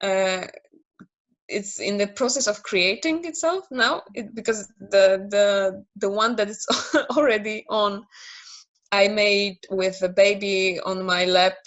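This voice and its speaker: In a relaxed interview over video call, a naming specialist in her thirties speaks English as her second language with a Polish accent. Her mid-range voice is fairly bright and slow, and she hesitates often, with many fillers and restarts. The recording is muffled.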